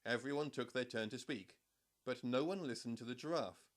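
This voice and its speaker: The role is a man reading children's audiobooks aloud in a mid-range voice. His storytelling is expressive while staying measured.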